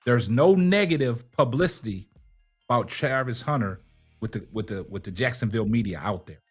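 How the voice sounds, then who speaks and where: A man hosts a sports debate with an animated, swooping delivery. He is emphatic and builds his case through rhetorical questions. Faint music plays under his mid-pitched voice. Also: moderate pace, slightly rough. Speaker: sports talk show host. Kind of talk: sports commentary and debate with a caller.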